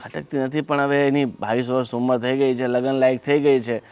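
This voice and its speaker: A man playing a son who calmly reasons with his mother. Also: mid-range voice, fairly quick, clear, resonant tone, faint music behind, lightly acted. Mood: reasoning. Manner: calm, reasoning, deferential.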